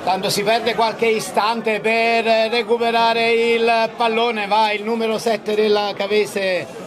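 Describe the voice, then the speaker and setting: A man's voice: high-pitched, little pitch movement, takes it slowly. A man giving exasperated, partisan live commentary on a football match as co-commentator. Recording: very noisy stadium, loud crowd. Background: loud crowd in an open stadium.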